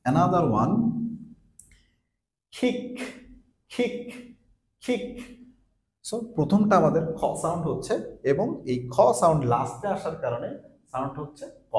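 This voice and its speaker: Echoey Bengali-accented man teaching pronunciation. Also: mid-range voice. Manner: drills each word three or four times, mixing Bengali and English. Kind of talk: classroom lesson, repeating example words. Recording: echoey room.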